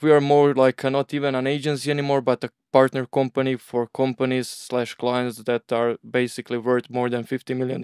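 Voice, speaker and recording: A young man with a Croatian accent chats in a loose, rambling way, dropping plenty of fillers. His voice sounds smooth and clean, and the recording is dry with no room echo. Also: mid-range voice. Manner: relaxed, rambling, uses "bro" and "like". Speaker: agency owner, guest. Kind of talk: casual interview talk.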